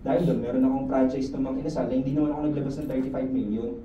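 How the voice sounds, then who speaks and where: Joking sales manager in an echoey room. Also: male voice, mid-range voice, very fast, dull audio. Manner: lively, joking, keeps asking the room questions. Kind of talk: motivational talk to a sales team. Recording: echoey room, mic at a distance, faint noise.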